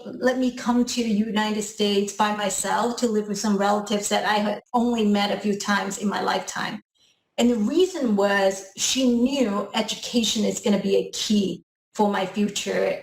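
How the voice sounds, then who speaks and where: Friendly woman on an echoey call. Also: mid-range voice. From Hong Kong. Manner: friendly, conversational, some fillers. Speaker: panelist, company founder. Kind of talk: webinar self-introduction. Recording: roomy echo.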